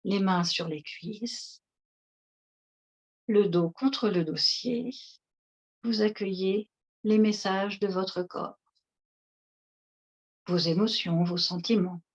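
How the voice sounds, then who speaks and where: A woman leading a guided seated relaxation session, speaking in a slow, soothing, instructive way. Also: medium pitch. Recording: dull lo-fi recording.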